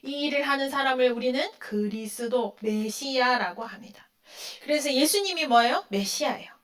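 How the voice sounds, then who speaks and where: A woman with a high, animated, slightly bright voice preaches to a youth group at a moderate pace. She poses questions to the teenagers and answers them herself, performing quoted lines dramatically.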